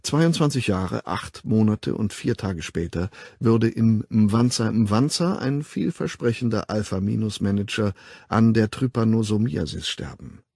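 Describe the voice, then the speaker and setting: A male audiobook narrator with a low, husky voice roughened by gravel. He tells the story expressively, his pitch rising and falling freely. The sound is close-miked and bone dry. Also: lively intonation, a little slow, mellow, no room sound.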